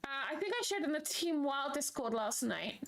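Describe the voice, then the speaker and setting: A high-pitched female streamer talks informally to her chat. She is excitable and given to exclamations, addressing viewers directly in a casual, conversational way. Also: moderate pace. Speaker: live streamer.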